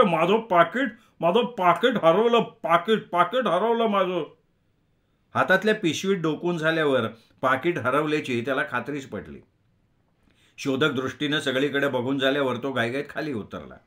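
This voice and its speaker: A man telling a humorous story in an expressive, conversational way with asides to listeners. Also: medium pitch. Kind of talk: Marathi story narration, kathakathan.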